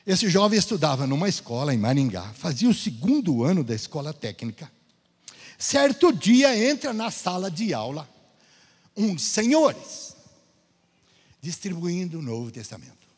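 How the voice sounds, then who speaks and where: A man's voice: fairly high pitch, moderate pace, husky. A man from Brazil telling a testimony in a church sermon, storytelling and acting out the dialogue. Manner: storytelling, lively, acts out dialogue. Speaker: Gideon speaker at church. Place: church sanctuary. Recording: hall reverb in church.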